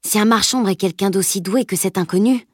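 A woman voicing an excitable, admiring young boy who often speaks in an eager whisper. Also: medium pitch, fairly quick, slightly rough, dry recording, clean studio sound, close to an everyday voice.

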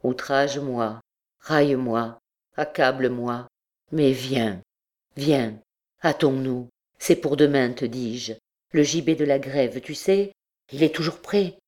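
A woman's voice: deep voice, normal speed, dark tone, lightly acted. A woman reading as a desperate lovesick priest. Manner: pleading, impassioned. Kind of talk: audiobook character reading.

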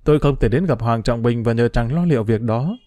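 A man narrating a novel as a first-person diary, reading in an expressive, emotional way. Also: medium pitch, fairly quick, dry recording. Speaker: audiobook narrator.

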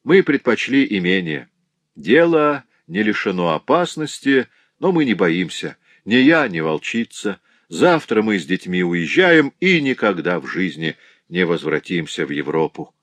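A man's voice: sits low, sing-song, measured pace, fairly bright tone, dry recording, heavily acted. A man reading an audiobook aloud and voicing an honest grown son who answers with firm indignation. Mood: indignant firm.

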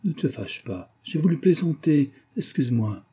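A man's voice: fairly high pitch, sing-song, moderate pace, dark tone, slightly rough, voice pushed up, exaggerated voice. A man doing a sly, cowardly young suitor. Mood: wheedling. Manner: wheedling, sly.

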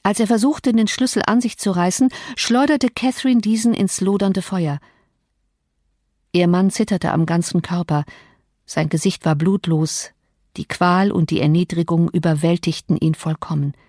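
A woman reading a novel aloud as audiobook narrator in a measured storytelling way. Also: on the low side, steady tone, darkish tone, no echo, studio quality.

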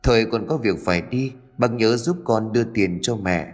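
A man's voice: fairly low pitch, moderate pace, long reverb tail, close to an everyday voice. A man voicing a cold vengeful ghost girl. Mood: evasive. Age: 20s. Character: vengeful ghost of a young woman.

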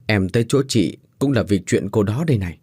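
A man's voice: lowish voice, lively intonation, brisk, darkish tone, husky, dry recording, clean studio sound. A man voicing a sympathetic middle-aged landlady recounting sad news in a sighing, matter-of-fact way.

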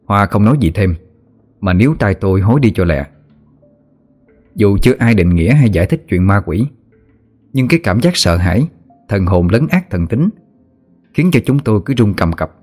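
A man narrating a ghost story in a steady storytelling voice. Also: fairly low pitch, normal speed, pauses often, faint music behind.

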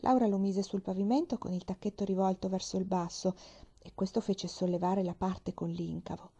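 A woman narrating a children's novel aloud, expressive and sometimes dropping to a whisper. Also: mid-range voice, normal speed, husky, dull audio. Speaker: reader. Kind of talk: audiobook narration.

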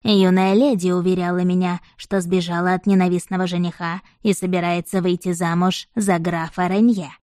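A woman reading an audiobook and voicing a fat, condescending middle-aged merchant with a booming bass delivery. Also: flat delivery, normal speed, few pauses, a little mellow, dry recording, clean studio sound, close to an everyday voice. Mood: smug. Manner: smug, indignant.

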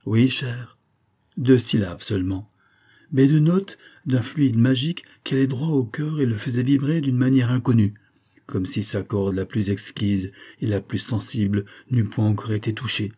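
A man reading a classic novel aloud as an audiobook narrator, in a steady, measured way. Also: medium pitch, breathy edge. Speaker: audiobook reader.

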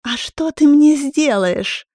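A woman doing a shrill, unhinged furious woman. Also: lively intonation, slow, darkish tone, dry recording, studio quality. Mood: menacing. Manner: shrill, screaming, mocking.

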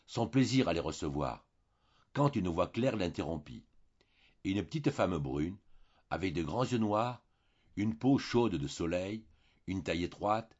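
Male audiobook reader, measured and expressive, muffled lo-fi recording. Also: low voice, breathy edge. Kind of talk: audiobook narration.

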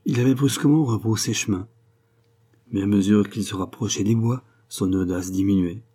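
Male reader for a classic novel; measured and expressive, low and husky. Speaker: audiobook narrator. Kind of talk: literary audiobook narration.

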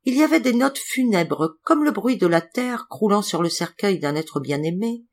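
Expressive woman reading a classic tale. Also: mid-range voice, moderate pace. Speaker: audiobook reader. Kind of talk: scripted narration of a classic tale.

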